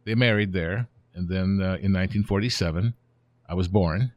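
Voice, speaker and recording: Heard in lo-fi sound, a very deep-voiced man in his seventies recounts history at a moderate pace during a conversational interview where he is the guest. Ukrainian is his first language; he was born in Germany and grew up in the United States, and he tells stories in a relaxed way, his voice often softly trailing off.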